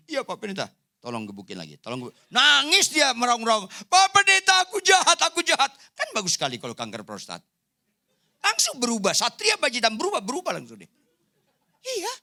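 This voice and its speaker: A man preaching a sermon as pastor in a church hall, joking and acting out the people in his stories. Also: fairly high pitch. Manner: animated joking preacher, acts out voices.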